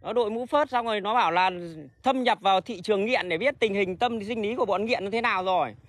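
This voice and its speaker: A man rattles through a casual livestream in a high, bright, sharp voice. He is blunt and swears freely, doubling back and restarting his sentences as he goes. The sound is dry, with no room echo. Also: fast talker. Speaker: livestream host selling plants.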